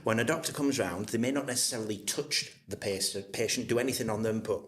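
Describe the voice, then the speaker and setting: A man's voice: fairly low pitch, quick pace. A man competing in a workplace quiz who teases his rival and hesitates, with fillers, while explaining his answers. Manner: teasing, hesitant when explaining. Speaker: quiz contestant. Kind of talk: playful competitive banter.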